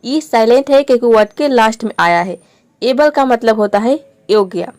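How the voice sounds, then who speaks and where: A woman's voice: a little high, normal speed, darkish tone, no room sound, studio quality. A woman giving a video lesson on English pronunciation, explaining each rule patiently and repeating the example words. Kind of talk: classroom-style video lesson.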